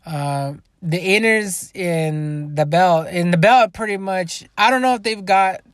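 A man's voice: high-pitched, measured pace, clear, resonant tone, no room sound. Rambling, foul-mouthed man podcasting alone. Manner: rambling, profane, frequent restarts. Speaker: podcast host. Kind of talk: casual solo podcast monologue.

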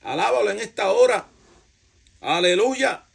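A man's voice: sits high, measured pace, creaky, husky. A male pastor preaching a fervent sermon, breaking in again and again with cries of hallelujah and glory to the Lord and calling the congregation to praise.

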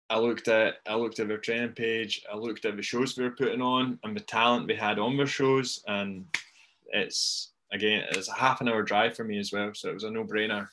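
A man's voice: fairly low pitch, bright, forceful tone. A man in his twenties with a Fife Scottish accent, chatting informally and self-deprecatingly as a wrestler being interviewed. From Dunfermline, Fife, Scotland. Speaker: professional wrestler, interview guest. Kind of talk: casual interview chat.

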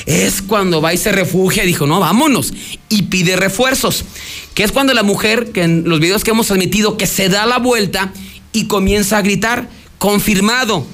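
High-voiced Mexican man recounting the news. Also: normal speed, a bit bright. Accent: Mexican Spanish. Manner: rambling, frequent restarts, acts out quotes. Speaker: news radio host. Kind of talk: conversational news commentary.

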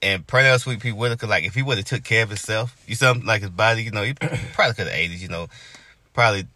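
A man's voice: lowish voice, quick pace, bright, forceful tone. A man, co-hosting a casual podcast chat, rambling with lots of fillers. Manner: laid-back, rambling with many fillers. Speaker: podcast co-host.

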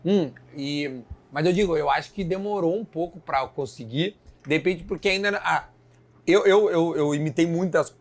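A male interviewer with a voice that sits a little high for a man. He keeps the chat relaxed and friendly. He backs up his guest with quick words of agreement. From southern Brazil. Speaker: host.

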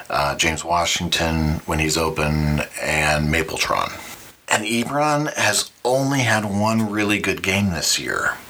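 A man's voice: deep voice, pushed and bright, slight background noise. A man hosting a podcast, giving fantasy football matchup commentary in a wry, mock-dramatic announcing manner. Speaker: podcast host.

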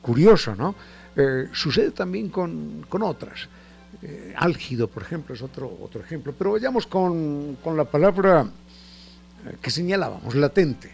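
A man's voice: fairly high pitch, very animated, measured pace, gravelly, darkish tone. A man giving a casual spoken lesson on word usage, repeating himself while he hunts for examples and chuckling often. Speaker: language teacher.

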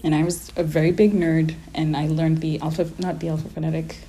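A woman's voice: low-pitched, little pitch movement, brisk, dark tone, slight background noise. A woman in her thirties from Kenya with an American-sounding accent and a slight Kenyan trace, speaking reflectively and casually in an interview. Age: 30s.

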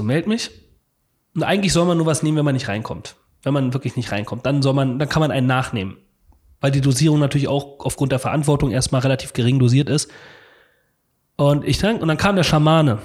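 A man telling a story in casual conversation, animated, vocalizing sounds and repeating words as he goes. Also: mid-range voice.

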